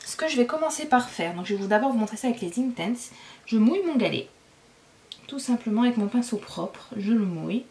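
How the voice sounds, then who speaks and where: A woman hosting a casual coloring tutorial, chatty and relaxed, with frequent fillers and small self-corrections. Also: a little high, brisk.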